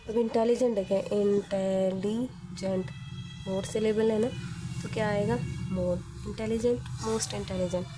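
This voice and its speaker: A woman's voice: medium pitch, fairly even intonation, brisk, noisy background. A woman teacher explaining grammar step by step in a patient manner, often asking questions and then answering them herself.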